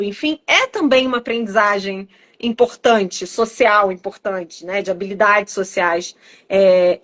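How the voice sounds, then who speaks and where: A woman with a fairly high voice speaks in a relaxed podcast chat. She is a psychologist and a mother, and she tells stories with energy, playing out the back-and-forth of past conversations. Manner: lively storyteller who acts out remembered exchanges.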